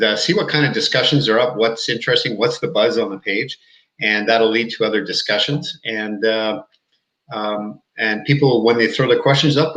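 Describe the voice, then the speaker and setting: A Canadian man co-hosts over a video call and speaks haltingly, with plenty of fillers. His voice is low and bright. The room around him sounds echoey. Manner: hesitant, halting, many fillers. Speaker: co-host. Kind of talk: casual live video chat. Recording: roomy video call audio.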